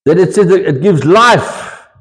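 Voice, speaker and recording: A man with a South African accent preaching a sermon as pastor, mixing English and Afrikaans in an animated, conversational way. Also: high-pitched, measured pace, big-room sound, low-quality recording. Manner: switches between English and Afrikaans mid-sentence, animated. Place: church.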